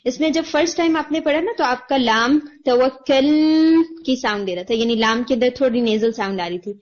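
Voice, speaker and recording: Patient woman tutor on a muffled call. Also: fairly high pitch. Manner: patient, explanatory, models words slowly. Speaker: Quran recitation teacher. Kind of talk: online tajweed lesson, giving feedback. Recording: dull lo-fi call audio.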